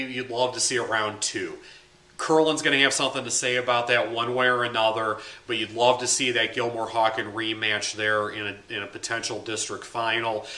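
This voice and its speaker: A man's voice: medium pitch, pushed and bright, roomy sound. A man in his thirties, a sports beat writer, giving a casual postmatch analysis to camera in a small room, with some fillers. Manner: conversational, uses fillers, gestures with hands. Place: small plain room indoors.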